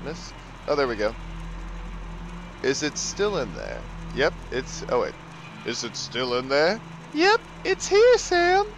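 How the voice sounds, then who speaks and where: A man's voice: medium pitch, sing-song, measured pace, vocal fry, long pauses, a bit bright, lo-fi sound, slight background noise. A man doing let's play commentary, joking and teasing the game's characters and talking over them. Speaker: gaming video host. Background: game music.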